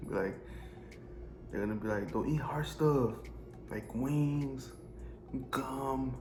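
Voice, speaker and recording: A man's voice: mid-range voice, takes it slowly. A man chatting casually to his viewers as a vlogger. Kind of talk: casual vlog chat to viewers. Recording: echoey room, clear background noise.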